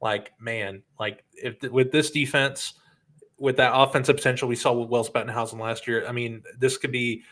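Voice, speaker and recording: A man co-hosting a casual high school football talk show, speaking in a conversational, teasing way. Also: steady tone, moderate pace, fairly bright tone. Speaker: podcast co-host.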